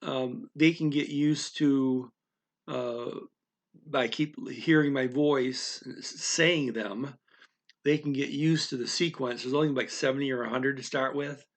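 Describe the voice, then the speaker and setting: Measured and steady, a medium-pitched male voice leads an informal language lesson. The teacher, a native English speaker, wanders and restarts often, addressing the learner directly and punctuating things with "okay?".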